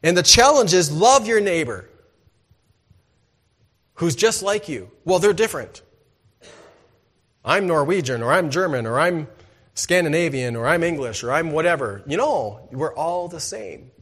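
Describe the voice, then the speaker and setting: A man preaching a sermon in church, asking rhetorical questions and calling for "amen", moving between loud emphatic lines and quiet low asides. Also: expressive, measured pace, pauses often, husky. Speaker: pastor.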